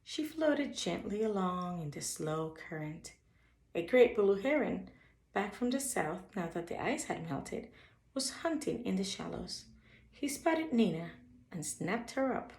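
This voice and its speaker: A woman with a mid-range, darkish voice reads a picture book aloud as a bedtime story, her delivery sing-song and a little slow. She reads expressively, as if to young listeners, adding short asides about the pictures, and the room sounds echoey.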